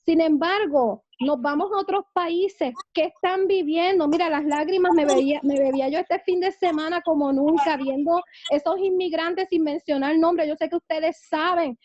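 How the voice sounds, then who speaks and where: A woman pastor leads a church seminary class in a fervent preaching manner, often breaking into amens. Her voice sits very high. The recording is dry and slightly muffled. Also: normal speed, few pauses, darkish tone, dry recording.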